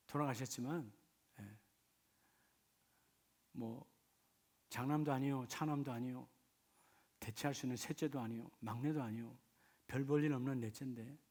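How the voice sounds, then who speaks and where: A middle-aged male pastor from Korea's Gyeongsang region, with a medium-pitched voice, delivers a sermon in a church sanctuary. He shifts between gentle personal stories and loud, impassioned exhortation.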